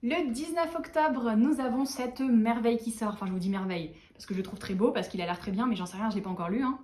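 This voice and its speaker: A young woman talks casually to her viewers, chatty and quick to poke fun at herself. She sounds a little tired, and her voice sits fairly high. The room around her is noticeably echoey. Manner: chatty, self-mocking, animated. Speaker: book vlogger. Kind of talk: casual book chat to camera.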